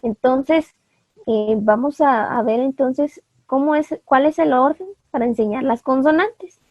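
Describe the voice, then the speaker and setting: Woman teacher, high voice, online class, step-by-step explanation, spells out syllables, dry dull audio. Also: a little mellow, dry recording. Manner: asks students for confirmation often.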